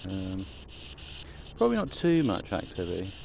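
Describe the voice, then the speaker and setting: A man chatting casually to a vlog audience while walking around outdoors, musing in a halting way and trailing off mid-thought. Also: wildly swooping pitch, gravelly, a little mellow. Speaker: paranormal investigator filming a vlog. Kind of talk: casual rambling vlog chat. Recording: noisy outdoor ambience, traffic rumble.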